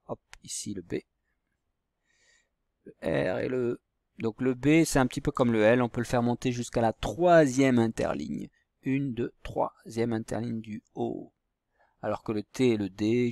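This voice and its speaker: A primary school teacher records a handwriting and reading lesson for young pupils, patiently spelling out letters and syllables. His medium-pitched voice is gravelly with a darkish tone, captured in clean studio sound with no echo.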